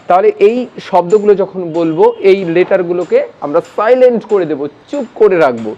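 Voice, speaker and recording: A man teaching a spoken English lesson, slowly contrasting wrong and right pronunciations. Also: high-pitched, a little mellow, dull audio.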